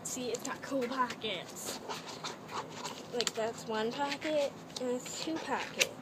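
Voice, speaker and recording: Speaking slowly in a voice on the high side, a young vlogger from Canada rambles casually through a haul video using a playful fake accent. The noisy audio comes from her laptop webcam, recorded indoors in a small, cluttered bedroom.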